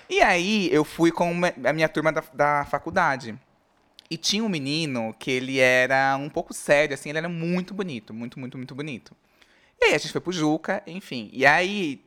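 Host, male, smooth resonant voice, animated casual storyteller. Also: on the high side. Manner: lively storytelling, slangy. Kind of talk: casual chat.

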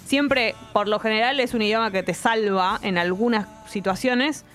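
An Argentine woman hosting a casual chat, lively and teasing. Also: a little high, normal speed, faint music behind. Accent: Argentine Spanish. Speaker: host.

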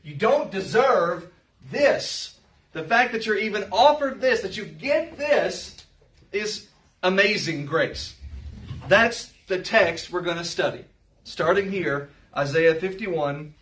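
A man with a notably high voice teaches a Bible study, pressing his points and firing questions at the room. He is recorded from a distance, his words ringing around a roomy church hall. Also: lively intonation, slow, a bit bright. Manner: emphatic, questions the listeners directly. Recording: roomy hall, mic set far off.

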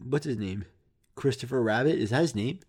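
This podcast host talks fairly quickly in a mid-range, somewhat mellow and slightly rough voice. His casual comedic monologue wanders through profane childhood tales, full of self-interruptions.

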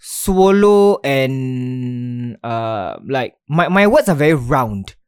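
A young Singaporean man hosts a casual podcast chat, loose and full of slang, laughing easily. His voice sits at a middle pitch. The sound is dry and close, with no room around it. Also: big pitch swings, very slow, smooth, no room sound. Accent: Singaporean English. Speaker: podcast host.

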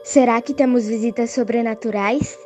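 Woman playing a high-voiced, mysterious kid announcer. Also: fairly even intonation, normal speed, mellow, soft background music, lightly acted. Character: confident, spooky-minded child club announcer. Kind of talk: children's horror audio drama.

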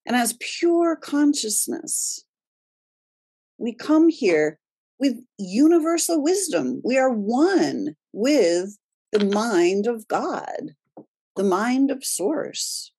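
A woman hosting a wellness show, giving a spiritual self-help talk in a deliberate manner with pauses for emphasis. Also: on the high side, sing-song, mellow, husky. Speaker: host of a wellness radio show.

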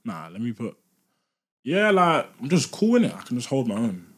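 A young man with a London accent and a rough-edged, husky voice at an average pitch. He banters casually with friends on a podcast, hammering points home through slangy repetition. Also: big pitch swings, normal speed, a bit bright. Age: young adult. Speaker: podcast panellist.

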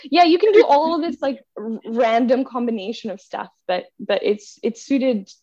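On a podcast, a young woman from Bangladesh with an American accent chats casually, laughing often and making fun of herself in a chatty way. Her voice is on the high side, expressive and mellow with a breathy edge, at a moderate pace. The recording is dull and dry, with no room sound.

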